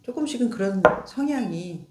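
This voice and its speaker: In a relaxed conversation with her husband, this middle-aged wife speaks expressively at medium pitch and a moderate pace, teasing, laughing a lot, and checking in with "응?". The recording has a roomy echo and heavy background noise.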